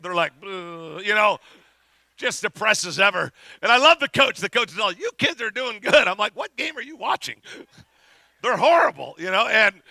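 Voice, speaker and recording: A middle-aged man preaches with animated storytelling, his voice pitched high with a gravelly edge. The tone is sharply bright, and he sometimes rises to a shout. The sound is dry and close. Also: dry recording. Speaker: pastor. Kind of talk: sermon with storytelling.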